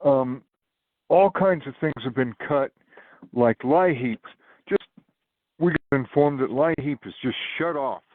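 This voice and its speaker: A man's voice: medium pitch, unhurried, pauses often. A man calling in to a town hall, talking bluntly and casually. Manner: blunt, conversational. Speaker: caller. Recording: phone line.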